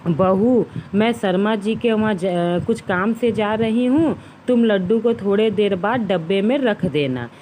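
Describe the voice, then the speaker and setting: A scolding, commanding elderly mother-in-law from a family story, voiced by a woman narrator. She speaks slowly with a middle, ordinary pitch. Every order sounds like it is the last word. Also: mellow, a little hiss or hum, lightly acted, low-quality recording. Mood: instructing.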